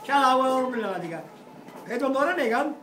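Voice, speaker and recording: An older man holding forth at a cafe table, boisterous and rambling, swearing and breaking into loud outbursts. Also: extremely high pitch, distant mic, slight background noise. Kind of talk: rowdy table talk. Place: cafe with glass front, indoors. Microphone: phone camera across the table. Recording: echoey room, voice off-mic, music behind.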